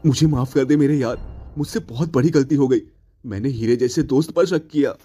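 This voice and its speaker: A man's voice: medium pitch, fairly quick, warm tone, slightly rough, soft background music, close to an everyday voice. A man voicing a hot-tempered, suspicious farmer in a cartoon story, talking in a sulky, accusing way. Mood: remorseful.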